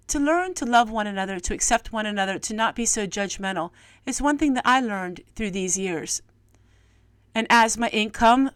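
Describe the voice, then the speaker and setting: An American woman vlogger with a voice on the high side speaks to viewers in a personal, reflective monologue. She's earnest and gently preachy, often asking rhetorical questions, and there's no echo.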